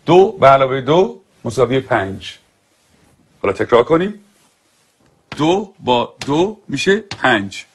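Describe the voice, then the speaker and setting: A man's voice: medium pitch, very animated, close to an everyday voice. An actor playing a harsh, authoritarian male schoolteacher who barks orders and scolds his pupils. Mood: commanding. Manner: commanding, scolding. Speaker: teacher.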